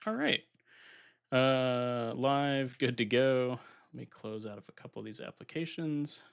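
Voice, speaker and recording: A man with a medium-pitched, creaky voice talks a little slowly in a clean tone while hosting a casual live stream. Still recovering from being sick, he's slightly congested and a bit nasal, relaxed as he thinks aloud while setting up software at his computer.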